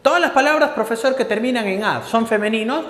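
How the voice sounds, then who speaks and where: A man voicing an eager student who keeps asking the teacher quick, curious questions. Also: very high voice, a bit bright, pitched above the performer's own voice. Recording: echoey room with long reverb.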